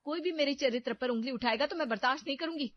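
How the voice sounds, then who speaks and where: Woman playing a sharp, indignant daughter-in-law. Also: sits high, expressive, fairly quick, no echo, muffled recording, pitched above the performer's own voice. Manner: sharp, defensive. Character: proud young daughter-in-law, quick to anger.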